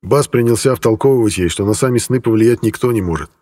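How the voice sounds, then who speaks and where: A man narrating an audiobook in an even storytelling manner. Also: medium pitch, fast, long reverb tail.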